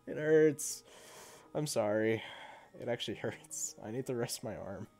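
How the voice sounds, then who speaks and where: A man's voice: medium pitch, lively intonation, unhurried, a little mellow, soft background music. A man streaming a game while sick, groaning and poking fun at himself in casual chat. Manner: groaning, self-mocking complaints.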